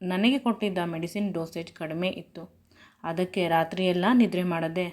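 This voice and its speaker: A woman voicing a possessive, teasing young man in a spoken romance story, in a lowish voice of her own. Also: fairly even intonation, moderate pace, close to an everyday voice.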